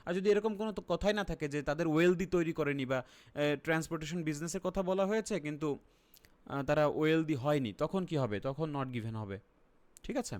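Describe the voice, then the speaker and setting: A man's voice: on the high side, a little fast, darkish tone. A man with a Bangladeshi accent teaching an exam-prep lesson online. He keeps asking his viewers questions and then answers them himself. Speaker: IELTS teacher.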